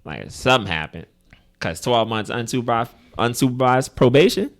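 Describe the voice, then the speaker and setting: A man's voice: medium pitch, expressive, moderate pace. A man co-hosting a podcast, telling stories in slangy, emphatic casual chat. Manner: slangy, emphatic storytelling, often asks "you hear me?". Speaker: podcast co-host.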